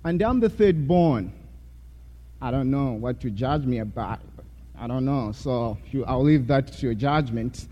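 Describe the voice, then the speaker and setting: A young man from Zambia, a graduating student, giving a chapel testimony with a warm, self-deprecating manner and frequent fillers. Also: medium pitch, lively intonation, a little slow, dull audio, a little hiss or hum. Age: young adult. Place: college chapel. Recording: hall with long reverb.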